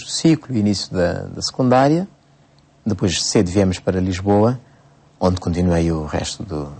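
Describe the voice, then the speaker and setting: Mellow-voiced priest from Cape Verde, hesitant. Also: male voice, lowish voice, husky. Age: 40s. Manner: unhurried, frequent hesitations and restarts. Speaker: priest, bishop-elect. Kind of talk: radio interview answers.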